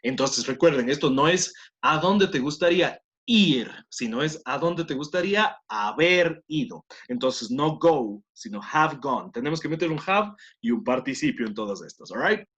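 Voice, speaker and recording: A man's voice: on the high side, expressive, moderate pace, fairly bright tone. A man teaching English to Spanish speakers, mixing both languages and praising students often. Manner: encouraging, repeats praise, switches between Spanish and English. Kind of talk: bilingual classroom instruction. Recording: muffled lo-fi classroom audio.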